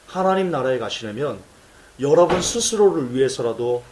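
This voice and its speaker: A male pastor preaching a sermon in church, emphatic and animated, telling stories and acting out cries. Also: medium pitch, normal speed, roomy sound, recorded from a distance, a little hiss or hum.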